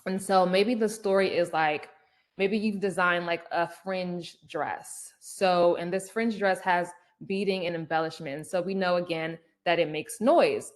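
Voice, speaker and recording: A woman leads a workshop in a relaxed, conversational way, dropping in little asides as she explains. Her voice sits a touch low for a woman. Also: unhurried. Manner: conversational, uses fillers and asides, lively quoted voices. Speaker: branding workshop presenter. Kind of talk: casual instructional talk.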